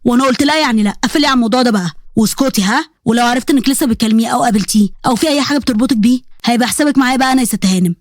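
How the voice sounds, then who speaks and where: A woman's voice: fairly high pitch, rapid-fire, few pauses, no echo, studio quality, natural voice. A woman voicing a stern Egyptian father. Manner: stern, commanding. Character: strict controlling middle-aged father.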